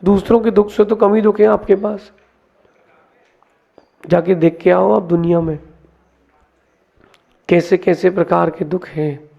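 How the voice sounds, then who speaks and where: A man, a monk, giving a sermon, telling parables in a lively teaching way and mixing in English words. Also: high-pitched, unhurried, creaky, pauses often. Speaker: Jain monk giving a discourse. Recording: dull lo-fi sound.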